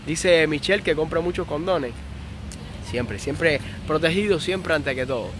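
A man's voice: on the high side, unhurried, noisy background. A young man with a Cuban Spanish accent, chatting casually on a live stream, reading viewer comments aloud and answering them. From Cuba.

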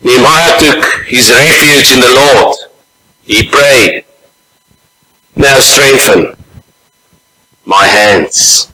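A man preaching a sermon as pastor in a church, slow and deliberate, reading scripture aloud. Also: mid-range voice, bright, forceful tone, reverberant, slight background noise, rough recording.

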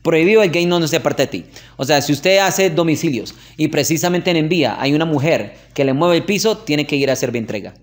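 This high-leaning male voice moves briskly with lively intonation. He's a religious teacher giving a chatty, informal classroom lesson, often checking in with "¿ok?" and telling anecdotes punctuated by laughter.

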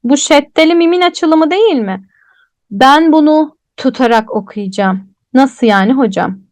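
A woman's voice: high-pitched, animated, a little slow, a little mellow, no echo. A woman teaching a Quran recitation lesson, explaining step by step and asking and answering her own questions, drawing out letter names as she recites them. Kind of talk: online tajweed lesson.

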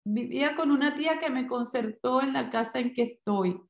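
A woman's voice: high-pitched, normal speed, creaky, roomy sound. A woman voicing a timid, tearful little orphan girl who works as a servant, pleading as she talks. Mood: plaintive.

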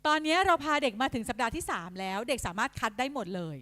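Brief: woman trainer for teachers, fairly high voice, polite, spells out sounds, dry close recording. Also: animated, no echo. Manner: demonstrative, sounds out letters and syllables slowly; polite, frequent soft tag particles. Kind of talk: instructional talk to teachers.

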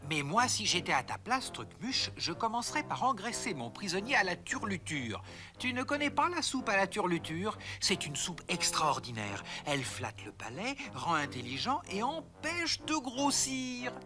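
A plucky young boy duckling in an old children's puppet film. The voice is bright and swings wildly in pitch, crafty and eager, over music. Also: very animated, normal speed. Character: plucky, crafty young male duckling, wide-eyed trickster.

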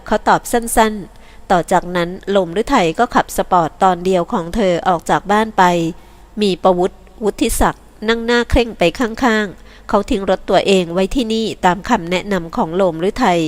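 Calm woman reading a novel aloud. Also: medium pitch, moderate pace. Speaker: audiobook reader. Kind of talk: scripted novel narration.

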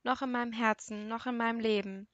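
A woman's voice: on the high side, fairly even intonation, fairly quick, fairly bright tone, dry recording, highs cut off, close to an everyday voice. A woman reading the lines of a distraught middle-aged father, voice broken and tearful as he pleads.

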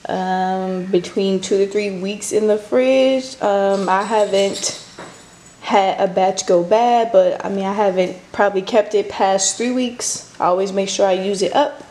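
A woman's voice: mid-range voice, steady tone, takes it slowly, mellow. A woman vlogger giving a casual how-to chat, rambling with many fillers into a handheld phone. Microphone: handheld phone mic. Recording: echoey room with faint noise.

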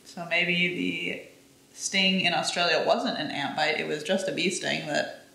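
A woman's voice: fairly low pitch, fairly even intonation, measured pace, gravelly, bright, forceful tone, echoey room. Chatty upbeat young woman vlogging. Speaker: bike touring vlogger. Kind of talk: casual vlog chat. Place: outdoors and at a house, on a rainy day.

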